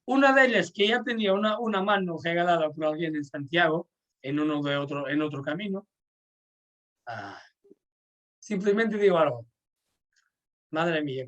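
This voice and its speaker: A man telling stories in a friendly chat, his voice sitting a little higher than most men's. He often breaks off and restarts his sentences. He keeps checking in with his listener as he talks. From Portugal. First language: Portuguese. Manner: warm anecdotal, frequent "sabes?" and restarts. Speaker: pilgrim and host. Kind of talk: casual storytelling in conversation.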